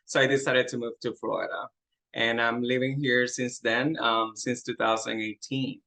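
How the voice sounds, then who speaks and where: A middle-aged Spanish-speaking man from Puerto Rico, with a Puerto Rican accent, works as a medical coder and is a guest on a casual interview. He laughs often and modestly, and his medium-pitched voice is level, gravelly and sharp, at normal speed.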